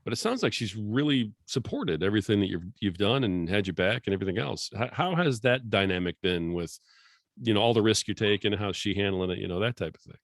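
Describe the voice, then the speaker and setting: A man's voice: lowish voice, lively intonation, fairly quick, no echo, clean studio sound. A man hosting a podcast interview, talking in an encouraging, rambling way with plenty of fillers. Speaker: podcast host. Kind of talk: casual interview chat. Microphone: podcast microphone.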